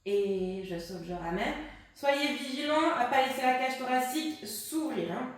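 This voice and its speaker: High-voiced woman guiding a pilates workout. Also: lively intonation, moderate pace. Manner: cues breathing and counts reps while exercising along. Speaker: pilates instructor. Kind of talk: guided workout instruction. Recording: echoey room, distant mic.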